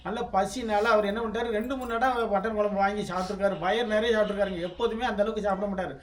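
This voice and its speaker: Guy w/ telling viewers what happened, talks high n fast, kinda far from the mic. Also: fairly even intonation. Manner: plain storytelling with frequent restarts. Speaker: family food channel vlogger. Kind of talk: recounting a family death to viewers.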